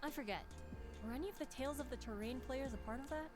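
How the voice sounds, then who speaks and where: A woman's voice: high voice, fast, music in the background, lightly acted. An actress playing a friendly, encouraging young woman gamer in a game.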